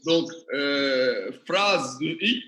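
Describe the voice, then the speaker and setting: A man runs a classroom tutorial, quizzing the class and working through examples step by step. His medium-pitched voice is sharp, with lively intonation, and he speaks very slowly. The classroom recording is echoey.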